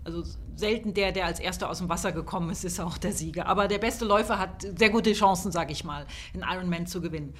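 A woman's voice: lowish voice, fast talker, hardly any pauses, a bit bright. A female radio host asking friendly, chatty interview questions.

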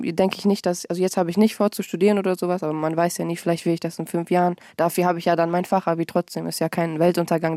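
A young woman, a musician, chatting casually in an interview, animated and quick to laugh, acting out quotes in a higher voice. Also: no room sound, studio quality. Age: young adult. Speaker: musician guest.

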